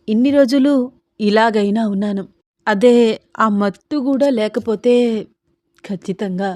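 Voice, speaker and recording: A woman's voice: mid-range voice, no room sound, clean studio sound, close to an everyday voice. Woman doing a bitter drunk young doctor. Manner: gruff, dismissive, shouting. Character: bitter heartbroken young male doctor, drinking.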